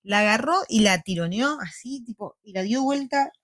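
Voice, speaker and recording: A young woman with an Argentine accent, chatting casually and telling a story with animated, acted-out quotes. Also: mid-range voice, normal speed, dry recording, studio quality. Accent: Argentine Spanish. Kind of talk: casual chat.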